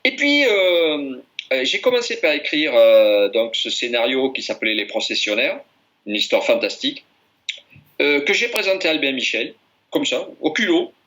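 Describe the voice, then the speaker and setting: A middle-aged man from France, an author talking casually as an interview guest, an animated storyteller who repeats words for emphasis. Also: medium pitch, moderate pace.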